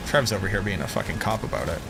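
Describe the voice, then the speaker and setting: A man's voice: low voice, sing-song, quick pace, gravelly, loud music behind the voice. A man with a Boston accent bantering casually on a game stream, teasing, repeating himself insistently and swearing freely. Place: live stream voice chat with game music behind.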